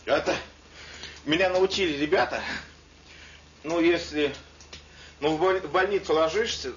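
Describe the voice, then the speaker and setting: An actor playing a dazed, meek army lieutenant who pleads mildly and rambles. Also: male voice, fairly high pitch, a little slow, distant mic. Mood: mild, rambling. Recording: echoey lo-fi room with clear noise.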